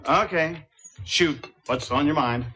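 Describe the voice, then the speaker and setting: An actor playing a flustered middle-aged priest in a 1980s sitcom, hesitant and stammering. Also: male voice, a little high, slow pace, pushed and bright, slightly rough, exaggerated voice. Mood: breezy.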